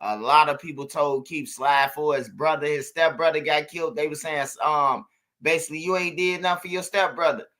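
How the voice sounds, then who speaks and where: A man talks through street news in loose, casual commentary, blunt and repetitive. His voice is bright and forceful and sits a touch high. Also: a little fast.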